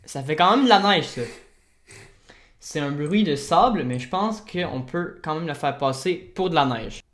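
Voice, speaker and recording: A man with a Québécois accent chats his way through a vlog as he works. He is excitable and bursts into loud, happy exclamations whenever something goes well. His voice carries a roomy echo. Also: on the high side, a little slow. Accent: Québécois French. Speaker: video editor and YouTuber. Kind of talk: casual vlog commentary while working.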